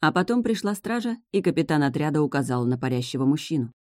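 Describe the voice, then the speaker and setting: An audiobook narrator reading a fantasy novel in an even, measured storytelling manner. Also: medium pitch, dry recording. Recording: dry close studio sound.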